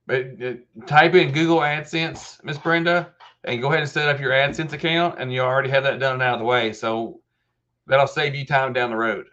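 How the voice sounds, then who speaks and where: A man's voice: mid-range voice, fairly even intonation, brisk, pushed and bright, highs cut off. A man in his fifties hosting a live question-and-answer stream, explaining step by step in a casual way with many restarts. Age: 50s. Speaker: host of a live help desk stream.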